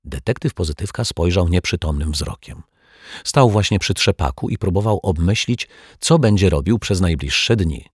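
A male audiobook narrator with a deep, husky voice delivers scripted narration with lively intonation at a moderate pace. The recording is clean studio sound with no room sound.

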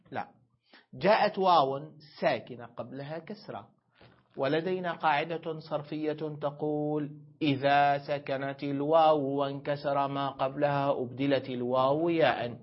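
A man with a slightly high voice teaches a grammar lesson in class, explaining step by step and asking questions he answers himself. He stretches words out slowly as he spells out each form. The lecture recording is dull and lo-fi.

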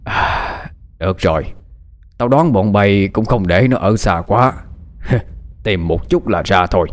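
A man's voice: fairly low pitch, measured pace, close to an everyday voice. A man voicing a gloating, cruel middle-aged villain of a martial sect who mocks his captives in an audiobook story. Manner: mocking, laughing, self-satisfied.

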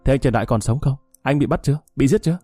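A grief-stricken young man hurls bitter, shouted questions in a story reading, as a male narrator voices him. The voice stays mellow and dark despite the anger. The sound is dry and close, with no room around it. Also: mid-range voice, racing, no room sound, faint music behind, natural voice. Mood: demanding.

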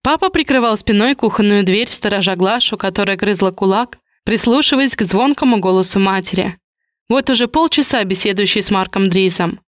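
A woman narrating an audiobook at a steady, even pace. Her voice sits at a middle pitch. The recording is close and dry, with no room sound. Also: a little fast, dry recording.

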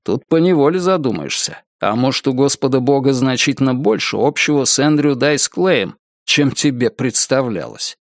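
A man reading a dark novel aloud as narrator, with wry, sardonic asides. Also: medium pitch, lively intonation, moderate pace, few pauses, no echo, clean studio sound. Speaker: audiobook narrator. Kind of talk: scripted narration.

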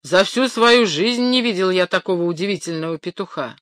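A woman's voice: on the low side, lively intonation, brisk, fairly bright tone, no room sound, clean studio sound. A woman voicing a poor, grumbling church watchman in a storybook reading. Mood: curious.

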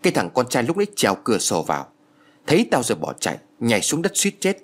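A man's voice: mid-range voice, huge pitch swings, fast talker. A man playing a greedy, cunning older woman who screeches accusations in a storybook reading. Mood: scheming, accusing. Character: greedy shrewish older woman, shrill, furious.

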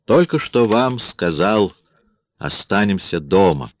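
A man voicing a cold, mocking man in an audiobook, with a smooth, coolly taunting manner. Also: on the low side, expressive, takes it slowly, no room sound, dull audio. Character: cold, mocking man forcing himself on a woman. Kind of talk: audiobook character reading.

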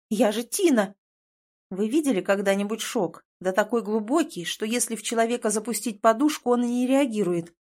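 A woman reading a first-person novel aloud in an expressive, dramatic way. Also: on the high side. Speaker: audiobook narrator.

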